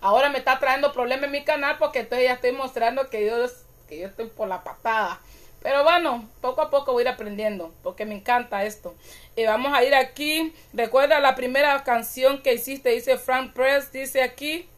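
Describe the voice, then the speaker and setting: A woman's voice: high voice, a little fast. A woman hosting a casual live-stream chat, reading viewer comments aloud and calling her audience "mi gente", with laughter at her own slips.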